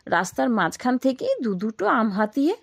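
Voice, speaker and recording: A woman voicing a short-tempered young village man in a spoken ghost story, complaining loudly and irritably. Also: a little high, very animated, normal speed, creaky, no echo, studio quality, voice pushed up, full character voice. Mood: irritated.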